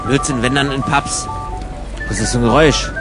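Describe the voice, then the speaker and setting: Over music, a man from Germany with a mid-range voice speaks a little fast. His casual banter in an audio collage is dry, grumbling and argumentative.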